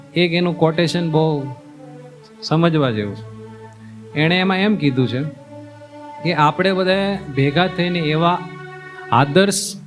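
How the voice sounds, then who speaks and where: A man giving a sermon as a monk, telling folksy stories, acting out characters and asking his listeners questions. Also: fairly high pitch. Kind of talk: sermon with storytelling. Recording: music playing behind the voice.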